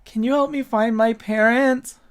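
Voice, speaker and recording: A man's voice: steady tone, measured pace, clear, resonant tone. A man voicing a crying, lost eight-year-old boy who pleads for help finding his parents. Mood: pleading. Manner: high, whimpering childlike pleading.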